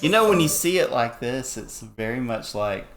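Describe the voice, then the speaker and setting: A man's voice: medium pitch, very animated, normal speed, fairly bright tone, faint music behind. A man with a Texan accent in casual reaction chat, musing and conversational. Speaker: reaction show host.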